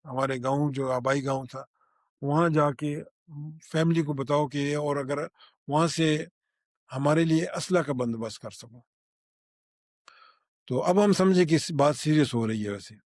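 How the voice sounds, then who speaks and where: An older man tells what he saw in a halting spoken recollection, full of restarts and pauses. His voice sits fairly high for a man. The recording is close and dry, with no room sound. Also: darkish tone, no echo. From Pakistan. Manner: halting, with many restarts and fillers. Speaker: eyewitness.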